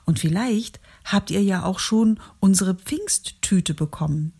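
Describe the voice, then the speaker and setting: A woman from a church congregation telling a Bible story to children, gently and warmly. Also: mid-range voice, a little slow. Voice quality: breathy. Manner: gentle, warm reading to children.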